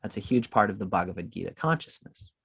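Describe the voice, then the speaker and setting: A man on a podcast, calmly telling a spiritual story in an unhurried, reflective way. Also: lowish voice, creaky, husky. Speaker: podcast guest. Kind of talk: casual storytelling in conversation.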